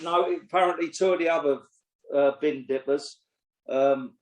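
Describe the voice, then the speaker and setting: This man's voice is a little high with fairly even intonation, delivered at normal speed. He's in his 60s and co-hosts a casual football podcast as a pundit, speaking bluntly, sharing strong opinions, and swearing freely. The casual chat echoes around the room.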